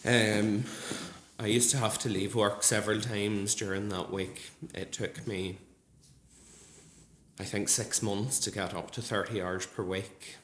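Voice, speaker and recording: A man in his early thirties, a nurse, giving a personal testimony at an event in an earnest, measured way with frequent ums. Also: lowish voice, little pitch movement, a little hiss or hum. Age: 30s. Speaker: nurse speaking at a support group event. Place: large gallery hall. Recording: echoey hall with faint ambience.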